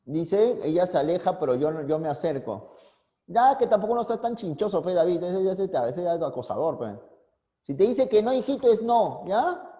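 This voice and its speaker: Man, philosophy teacher, high voice, mellow tone, keeps asking questions. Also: sing-song, normal speed. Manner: questions students constantly, coaxing answers. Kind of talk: online class lecture. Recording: long reverb, echoey room.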